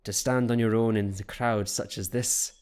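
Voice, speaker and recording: A man playing a smooth, charming stranger. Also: lowish voice, fairly even intonation, normal speed, darkish tone, lightly acted. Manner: easy, musing and charming. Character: charming young male stranger, smiling and smooth.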